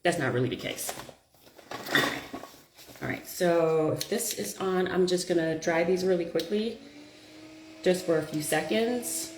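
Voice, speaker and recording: Her voice sits fairly low and moves a little slowly, with frequent pauses, in a roomy space with background noise. She's a beauty vlogger doing her lashes on a live stream, chatting away, thinking out loud and making self-deprecating remarks.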